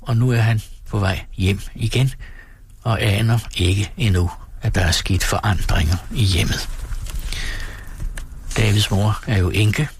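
A man who hosts a late-night radio show, reading a classic novel aloud in a calm, measured way from a radio studio. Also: lowish voice, a little hiss or hum. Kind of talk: read-aloud literary narration.

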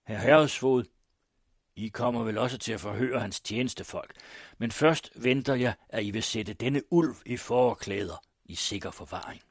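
A man reading an audiobook, voicing a vengeful male accuser who shouts and jeers. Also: lowish voice, gravelly, breathy edge, dry recording, studio quality. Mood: fierce. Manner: loud, jeering, fierce.

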